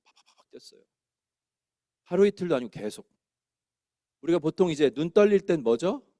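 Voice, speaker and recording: Male pastor, middle-aged, lively sermon delivery with acted-out quotes, close dry sound. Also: on the high side, fairly quick, dry recording. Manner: animated preaching, acting out quoted voices. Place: church sanctuary.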